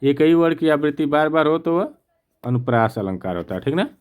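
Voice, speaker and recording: With a fairly high, expressive voice of darkish tone, a male teacher works through exam practice questions. He reads out each question and its options, explains the answer, and checks with the class in a slow, methodical way, saying "theek na" again and again.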